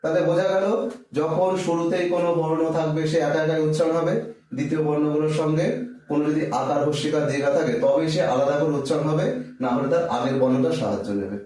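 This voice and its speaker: A man's voice: fairly high pitch, steady tone, dark tone, distant mic. Patient male reading teacher, very echoey. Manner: patient, repeats syllables slowly, asks and answers own questions. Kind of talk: children's reading lesson. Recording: very echoey room, voice off-mic.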